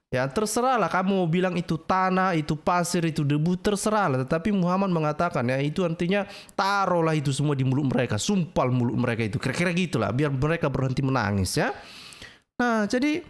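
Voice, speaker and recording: A man with an Indonesian accent hosting a livestream, talking in an argumentative, mocking way and challenging his audience. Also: a little high. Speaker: livestream host.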